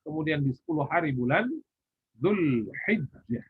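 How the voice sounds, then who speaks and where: A man lecturing to students in a recorded online class, often posing questions and answering them himself. His voice sits a little high and sounds husky. The recording is dry and thin, like a phone line. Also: moderate pace. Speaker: university lecturer. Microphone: recorded for a YouTube class.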